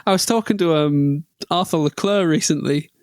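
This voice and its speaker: High-voiced man rambling on a podcast. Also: normal speed, clean tone, dry recording. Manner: rambling, jokey, full of tangents and restarts. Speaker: podcast co-host. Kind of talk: casual chat.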